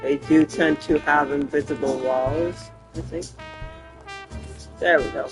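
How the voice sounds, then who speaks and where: A man with a hoarse voice giving rambling, casual commentary as he plays a game. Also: on the high side, fairly even intonation, takes it slowly, music in the background. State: hoarse after recent surgery. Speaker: game streamer.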